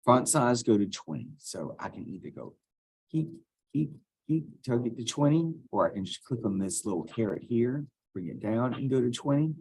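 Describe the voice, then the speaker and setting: Here the instructor's voice is mid-range and sing-song, a little mellow with a breathy edge, at normal speed. In his screen-recorded tutorial, he thinks aloud and clicks along, casually leading students through the task step by step.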